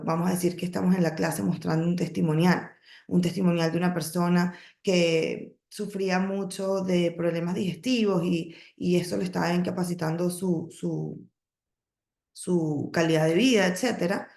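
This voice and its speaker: Gravelly woman coaching in an echoey room. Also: on the low side, steady tone, a little mellow. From emigrated to the United States, lives in Texas. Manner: coaching, emphatic, with pauses and self-corrections. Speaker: network marketing trainer. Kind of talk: training talk on public speaking.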